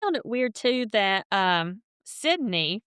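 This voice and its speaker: A woman's voice: mid-range voice, sing-song, slow, fairly bright tone, smooth, no echo, clean studio sound. A woman co-hosting a podcast, chatting casually and laughing often as she tells stories. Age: older than her co-host. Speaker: podcast co-host. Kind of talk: casual chat.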